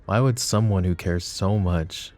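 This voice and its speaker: A man speaking at a measured pace in a low, darkish voice plays a suave mafia boss in a roleplay audio drama, with faint music behind. Addressing the listener, the possessive character flirts in a silky, polished, courteous manner that hints at menace.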